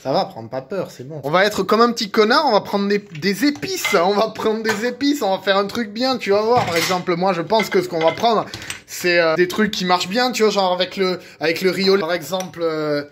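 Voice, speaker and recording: A man's voice: sits high, brisk, background noise. Rambling, foul-mouthed young man cooking. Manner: rambling, swears constantly, self-mocking. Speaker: cooking vlogger. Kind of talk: chaotic improvised cooking vlog. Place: home kitchen.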